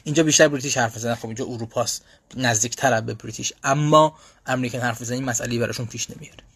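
A man's voice: medium pitch, steady tone, creaky, fairly bright tone, slightly rough, dry recording. Chatty man hosting a live Q&A. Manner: chatty, frequent fillers and restarts. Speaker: language school host answering viewer questions. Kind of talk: casual live Q&A. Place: lives in Europe.

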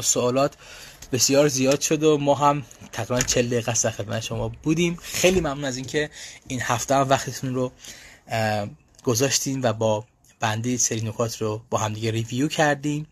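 A man hosting a casual live question-and-answer stream for language learners, talking loosely with frequent fillers and restarts. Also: medium pitch. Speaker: language school host answering viewer questions. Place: lives in Europe.

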